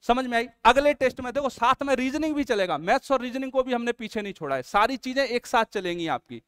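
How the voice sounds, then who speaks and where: A man's voice: very high voice, animated, fast, a bit bright, clear, resonant tone, no room sound, studio quality. A man, an exam coaching teacher, walking students through a test series in an earnest, coaxing way. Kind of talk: promotional explainer lesson.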